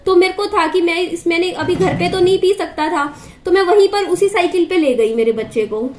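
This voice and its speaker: A young woman with a high voice tells a rambling everyday story to her viewers. She talks in a chatty way and circles back to repeat her points. The room around her is echoey. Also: moderate pace, a little hiss or hum. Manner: chatty, repeats herself, asides to her child. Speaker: vlogger. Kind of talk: casual storytelling to camera.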